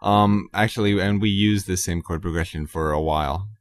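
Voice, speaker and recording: A man hosting his own podcast, talking casually and haltingly about composing, with many ums and self-corrections. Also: low-pitched, dry recording, clean studio sound. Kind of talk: casual solo talk about his music.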